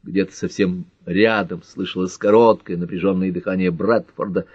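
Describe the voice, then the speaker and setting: Husky low-voiced male audiobook reader. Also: fairly even intonation, normal speed, a little mellow, no room sound. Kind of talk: scripted audiobook narration. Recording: dull lo-fi dry recording.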